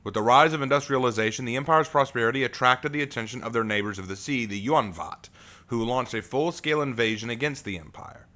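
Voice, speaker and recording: Speaking quickly, a man with a low, deep voice chats with his stream audience and then reads aloud the prologue of a fantasy book he wrote. He's laid-back, and he uses fillers and restarts his sentences.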